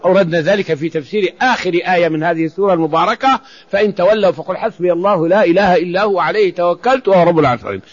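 High-voiced preacher on dull radio. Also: male voice, very fast. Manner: storytelling with frequent restarts and repeated words. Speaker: Islamic preacher. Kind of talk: sermon storytelling with Quran commentary.

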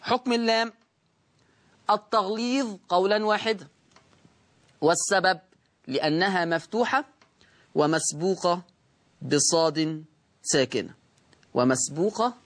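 A man with an Egyptian Arabic accent teaching a tajweed lesson. He explains slowly and draws out the recited words, and he asks the class questions that he then answers himself. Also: high-pitched, fairly bright tone.

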